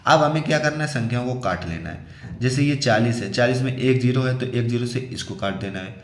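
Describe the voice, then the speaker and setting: A man's voice: mid-range voice, brisk, roomy sound. A man patiently explaining a maths problem step by step, asking and answering his own questions as he goes. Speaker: maths teacher.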